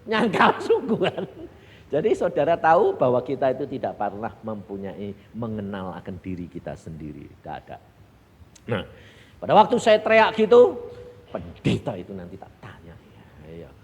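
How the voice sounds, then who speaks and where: A man with a Javanese accent preaching a sermon and telling his own testimony, swinging from hushed asides to loud exclamations. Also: lowish voice, big pitch swings, normal speed. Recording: long hall reverb, faint background noise.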